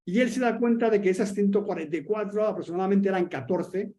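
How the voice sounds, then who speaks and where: A man moderates a webinar as a professor and sums up a book before passing the floor to his guest. He hesitates and repeats words as he goes. His voice sits fairly high and sounds soft and mellow. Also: fast talker. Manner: hesitant, many fillers and restarts. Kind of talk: webinar conversation.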